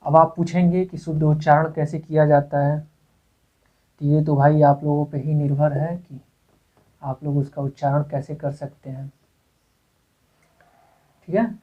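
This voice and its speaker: A man teaches grammar at an unhurried, deliberate pace. He circles back over each point with rhetorical questions and a steady stream of "okay?" check-ins. The sound is thin and boxy, like a phone-quality recording. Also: fairly high pitch. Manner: repeats words, asks rhetorical questions, frequent "okay". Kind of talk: exam-prep grammar lecture. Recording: tinny phone-like lo-fi audio.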